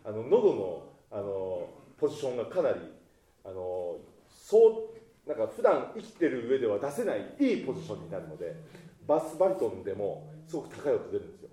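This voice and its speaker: Animated male choir conductor. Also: lowish voice, fairly quick, roomy sound. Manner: animated, sings demonstrations mid-sentence. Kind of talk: choir rehearsal instruction. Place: rehearsal room with choir.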